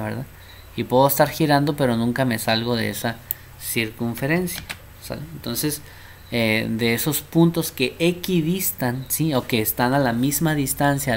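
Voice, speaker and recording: A man teaches a math lesson in a relaxed, informal way. He keeps checking in with his listeners and repeats words as he explains. A faint hiss runs under his mid-pitched voice. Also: gravelly.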